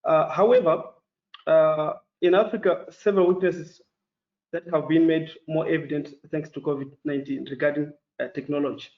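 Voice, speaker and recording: Speaking as a webinar panelist, a Mozambican man with Portuguese as his first language uses a voice on the high side with fairly even intonation. He's careful and halting with many fillers in this formal presentation, heard through dull, echoey video call audio.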